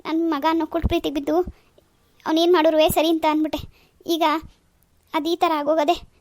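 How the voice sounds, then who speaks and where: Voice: very high voice, flat delivery, fairly quick, dry recording, clean studio sound. A voice actor playing a remorseful old mother-in-law in a cartoon, apologizing. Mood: pleading. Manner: pleading, apologetic. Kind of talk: cartoon dub.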